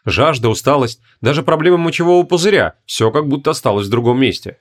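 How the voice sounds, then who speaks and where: A man reading a fantasy audiobook in measured, deliberate narration. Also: medium pitch, lively intonation. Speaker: audiobook reader. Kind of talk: scripted narration.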